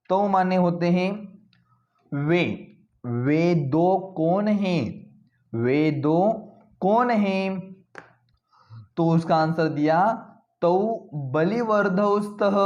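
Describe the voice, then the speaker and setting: A man teaching a Sanskrit lesson in Hindi. He reads each Sanskrit word slowly, then explains what it means. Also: on the high side, a little mellow, highs cut off.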